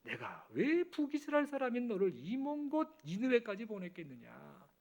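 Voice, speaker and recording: A man's voice: very high voice, wildly swooping pitch, creaky, darkish tone, highs cut off, heavily acted. A man acting out God as a stern, fatherly figure who scolds with care. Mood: stern reproach. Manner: slow, scolding, fatherly rebuke. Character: stern fatherly God, reproachful yet caring, older man.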